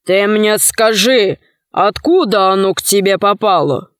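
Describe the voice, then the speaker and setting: A woman voicing a stern young male warrior hero in a storybook reading, slow and menacing. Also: mid-range voice, smooth, dry recording, clean studio sound, close to an everyday voice.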